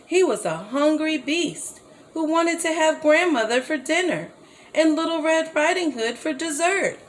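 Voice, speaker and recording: A woman reading a children's story aloud as a storybook reader, slow and gently expressive. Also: sits high, slight background noise, low-quality recording.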